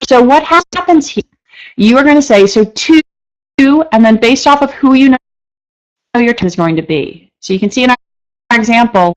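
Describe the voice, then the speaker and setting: A woman teaching a live online marketing class. She talks quickly and chattily, with many fillers and restarts. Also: mid-range voice, low-quality recording. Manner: fast-talking, says she speaks fast when excited. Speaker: marketing instructor.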